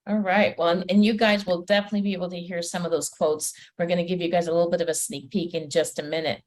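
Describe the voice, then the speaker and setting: A woman's voice: on the low side, flat delivery, quick pace, darkish tone. A woman from Trinidad and Tobago hosting a podcast interview, chatty and welcoming, with frequent fillers. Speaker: podcast host and personal development coach. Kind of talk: conversational interview.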